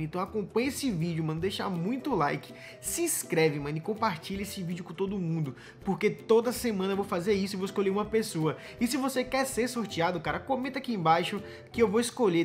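A young man with a Bahian Brazilian accent chatting casually and informally with his viewers as a gaming YouTuber. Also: sits high. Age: young adult. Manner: informal, slangy, addressing viewers as buddies. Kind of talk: casual gamer vlog chat. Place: small home gaming room. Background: background music.

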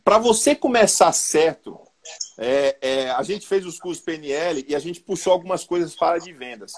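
A man with a Brazilian Portuguese accent giving a live online sales talk in a colloquial, lively way, speaking straight to his audience. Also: fairly high pitch, normal speed, a little hiss or hum. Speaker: sales trainer.

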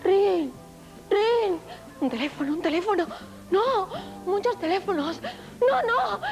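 A woman's voice: extremely high pitch, expressive, takes it slowly, over music, full character voice. A woman playing a frantic seance medium in a trance, repeating her phrases ecstatically in a theatrical TV comedy sketch. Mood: entranced, ecstatic.

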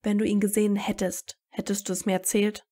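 A woman's voice: medium pitch, level tone, a little fast, warm tone, close to an everyday voice. A woman voicing a determined teenage wizard hero with a blunt, sarcastic way of talking in a fan audiobook. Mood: blunt, tense.

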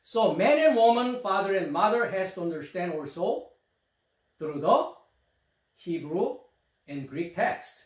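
A middle-aged man with a Korean accent lectures on scripture in front of a screen. His voice sits high and moves animatedly up and down as he asks rhetorical questions. The small room adds a noticeable echo. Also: animated, unhurried, pauses often. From South Korea. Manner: rhetorical questions, gestures while explaining. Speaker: Bible teacher. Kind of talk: Bible study lecture to camera.

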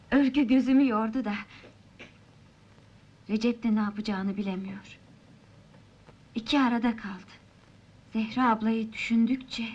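An actress playing Ayşe, a gentle, guilt-ridden young woman who speaks softly and sadly, in an old film. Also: a little high, natural voice. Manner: soft, sorrowful. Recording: dull old film soundtrack.

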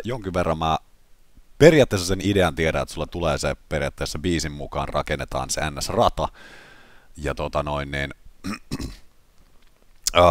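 A man hosts a casual gaming vlog in a voice left hoarse by illness, pitched very deep. He chats along with filler words and jokes at his own expense. The sound is dry and close, with no room echo. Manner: self-mocking, chatty with filler words. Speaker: gaming channel host.

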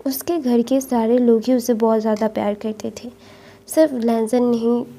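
Soft-spoken woman retelling a story. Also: fairly high pitch, flat delivery, moderate pace. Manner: soft-spoken, chatty, repetitive linking phrases.

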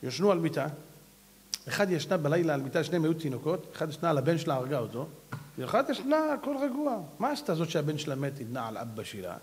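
A man, a rabbi, giving an animated, exhorting sermon and telling stories. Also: fairly high pitch. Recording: long hall reverb.

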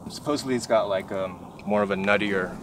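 A young man, a first-year farmer, talking casually in his backyard garden while being interviewed, pausing often with fillers as he thinks. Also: lowish voice, noisy background. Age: young adult. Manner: relaxed, thinking aloud with many fillers. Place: backyard vegetable garden outdoors.

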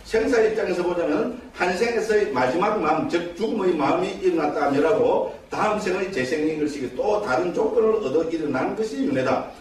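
A male Buddhist monk giving a dharma lecture in a temple teaching hall, keeps checking in with his listeners through quick rhetorical questions. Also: high voice, expressive. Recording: echoey lecture hall, distant mic.

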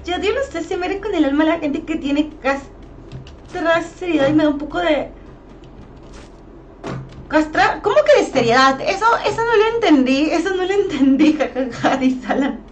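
A woman's voice: very high-pitched, animated, moderate pace, muffled recording, slight background noise. A young woman with a Mexican Spanish accent streaming a game, chatty and playful as she greets viewers by name. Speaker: gaming streamer. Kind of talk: live-stream commentary, greeting chat.

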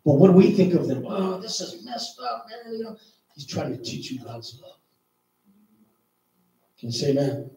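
Male preacher, higher voice, storytelling sermon, heard from a distance in an echoey church hall. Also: very animated, moderate pace, long pauses, a crowd in the background. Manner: storytelling with many "man" and "you know", rising to shouts in retold prayers. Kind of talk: sermon with personal testimony.

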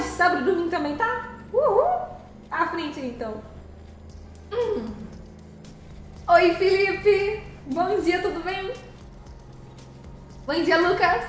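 A woman's voice: sits high, fairly bright tone, very echoey. A woman, live streaming as she drives a truck game, cheerfully greeting viewers by name and giggling.

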